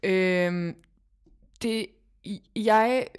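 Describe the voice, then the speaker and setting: A woman's voice: medium pitch, clean tone. A woman chatting casually and emphatically as a podcast host. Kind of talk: casual gossip chat.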